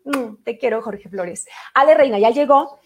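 A woman's voice: a little high, normal speed. A middle-aged woman with a Mexican accent, hosting a live online show in a casual, playful way, full of fillers and reading out viewer comments. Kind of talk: casual live-stream chat.

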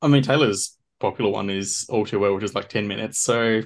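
A man's voice: fairly low pitch, fairly quick. A man hosting a podcast interview, with a dry, teasing way of talking. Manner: dry, teasing, reads quotes aloud. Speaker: podcast host. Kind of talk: casual interview.

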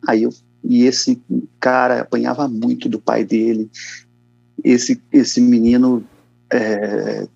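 Gravelly Brazilian man, coughing often. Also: medium pitch, flat delivery, slow pace, pauses often, mellow, no room sound, faint music behind. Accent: Brazilian Portuguese, São Paulo area. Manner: casual, slangy storytelling. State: coughing repeatedly. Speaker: interview guest. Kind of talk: emotional personal testimony. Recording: dull, lo-fi, dry sound.

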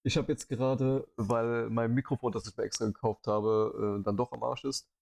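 A man's voice: mid-range voice, level tone, normal speed, gravelly, a little mellow. A man in his twenties co-hosting a casual podcast, rambling with many fillers, speaking into a headset microphone. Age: 20s. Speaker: podcast co-host.

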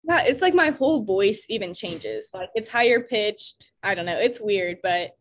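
A woman's voice: mid-range voice, expressive, moderate pace. A young woman with a Midwestern American accent, co-hosting a casual chat, talking in a chatty, self-deprecating way full of "like" fillers. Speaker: podcast co-host.

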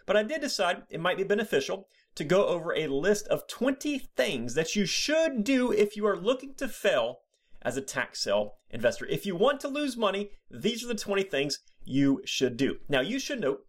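A man's voice: high voice, sing-song, moderate pace. A man hosting his own podcast, delivering a scripted solo monologue with emphatic, sarcastic turns. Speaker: podcast host.

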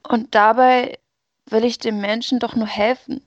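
A woman reading aloud as a sorrowful, rejected female personification of Sadness, in a slow and earnest way. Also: fairly high pitch, little pitch movement, dry recording, highs cut off, natural voice. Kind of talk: story reading.

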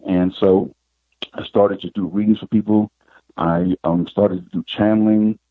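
A middle-aged man with a husky, fairly low voice recounts his life as a psychic guest, unhurried and reflective. The sound is thin and tinny, like a phone line, and quite dry. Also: fairly even intonation, dry recording. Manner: unhurried, reflective, retells scenes with quoted dialogue. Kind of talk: personal storytelling in an interview.

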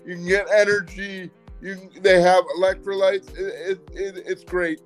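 A man's voice: high voice, flat delivery, normal speed, soft background music. A man who is a guest on a live talk show, effusive and stumbling over repeated restarts as he praises brands. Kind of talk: casual interview chat.

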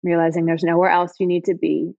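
A woman leading a guided body-scan meditation in slow, soft, soothing phrases. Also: fairly low pitch, flat delivery, gravelly, no echo, muffled recording.

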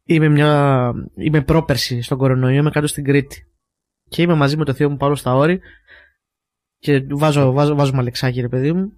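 A man hosting a radio interview, asking questions in a halting way with frequent restarts. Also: fairly high pitch, steady tone, a little mellow, no room sound, studio quality. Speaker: radio host. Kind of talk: casual interview.

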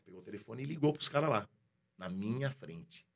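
A man with a Brazilian accent, a radio announcer telling a story in a casual interview, slangy and lively, acting out the dialogue he recounts. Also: lowish voice, fairly quick, creaky. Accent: Brazilian Portuguese.

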